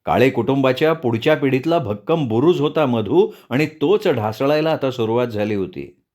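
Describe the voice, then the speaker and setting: Male storyteller reading a novel aloud. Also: mid-range voice. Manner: measured, expressive reading. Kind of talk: audiobook novel narration.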